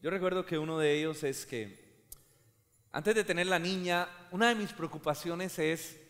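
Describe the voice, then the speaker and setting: A man with a Colombian accent preaching a sermon as a pastor, emphatic and rising to shouts, recorded in a large church hall. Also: fairly high pitch, moderate pace. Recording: long hall reverb.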